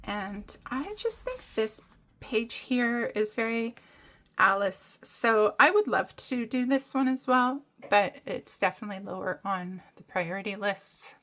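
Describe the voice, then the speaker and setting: A woman's voice: a little high, lively intonation, unhurried, fairly bright tone. A woman casually chatting on a hobby vlog, rambling through her plans with lots of fillers and restarts. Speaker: coloring hobby vlogger. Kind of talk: casual show-and-tell chat.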